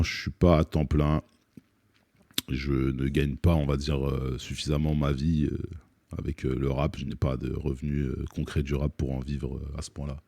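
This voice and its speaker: A man in his thirties with a very low, dark voice, talking loosely with many pauses and "euh" fillers. He answers a live stream's questions in a relaxed, joking way. The sound is dry and close, with no room echo. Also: creaky. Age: 30s. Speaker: rapper guest on a live music stream. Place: studio set.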